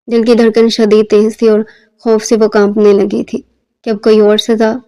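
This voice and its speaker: A woman narrating a romantic story in a steady, even reading. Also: fairly high pitch.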